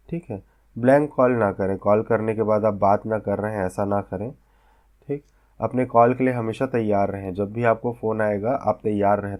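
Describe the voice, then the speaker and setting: The lecturer is a vocational instructor from India with a fairly low, darkish voice. In class he explains each step in turn, regularly pausing to see if everyone understands.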